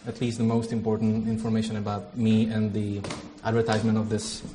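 Speaking briskly in a dark, lowish, completely flat voice, a Czech man with a Czech accent starts a theology workshop. He fills his informal talk, which includes a prayer, with hesitations and self-deprecation, and there's a little hiss or hum.

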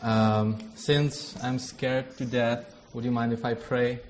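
A Czech man with a Czech accent, a theology lecturer, opens a workshop with informal talk and a prayer. His mid-range voice stays level and slow, with a little hiss or hum in the background. He sounds hesitant and self-deprecating, leaning heavily on fillers.

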